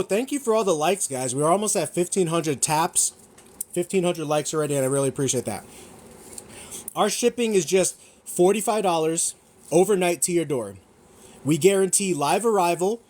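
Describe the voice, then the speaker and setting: A young man with a somewhat high-pitched voice chats eagerly on a livestream. He rambles, restarts his sentences and corrects his own numbers. At times he talks with his mouth full as he eats. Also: darkish tone. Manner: enthusiastic, rambling, self-correcting. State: eating while talking. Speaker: gecko breeder and shop owner hosting a livestream. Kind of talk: casual livestream sales chat.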